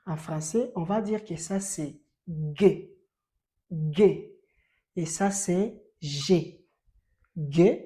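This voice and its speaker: A woman with a Rwandan accent teaching a beginner French lesson. She drills syllables slowly and clearly, repeating them and getting louder on each drill. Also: on the low side.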